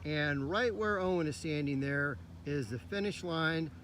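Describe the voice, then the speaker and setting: A man's voice: a little high, measured pace, fairly bright tone. A man coaching as he walks a cross country course outdoors, explaining the route. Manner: instructive, upbeat. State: slightly out of breath. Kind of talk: walking course tour commentary. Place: outdoor park trail. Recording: faint outdoor noise.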